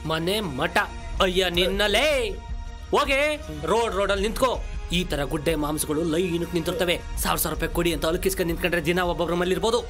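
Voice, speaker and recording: A man acting a cuckolded husband in a comedy drama, all crude insults and threats. His voice sits high and sounds bright and forceful, with a Kannada accent and music playing underneath. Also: brisk. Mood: scornful. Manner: abusive, shouting insults. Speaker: betrayed husband. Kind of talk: comedy web series acting.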